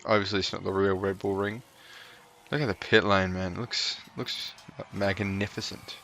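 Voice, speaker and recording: A man's voice: deep voice, fairly even intonation, normal speed, creaky, a bit bright. A man giving casual, joking commentary over a racing management game, cheering on his drivers. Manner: chatty, cheers on his drivers, jokey asides. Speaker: gaming YouTuber.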